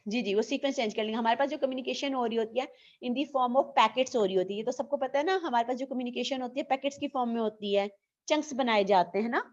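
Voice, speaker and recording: A woman's voice: fairly high pitch, quick pace, a little mellow, muffled recording. Woman teacher quizzing her class. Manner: explaining with questions she answers herself. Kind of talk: online lecture.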